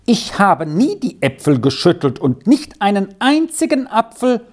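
A woman's voice: medium pitch, sing-song, a little mellow, pitched above the performer's own voice. A woman doing an eager, breathless little girl. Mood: indignant. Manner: breathless and pleading, then indignant and fast. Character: excited, eager young peasant girl.

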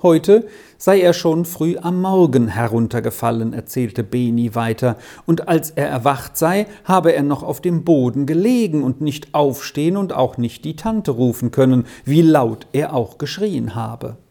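A man narrating a children's story in a calm, measured reading. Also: fairly high pitch, vocal fry. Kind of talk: audiobook narration.

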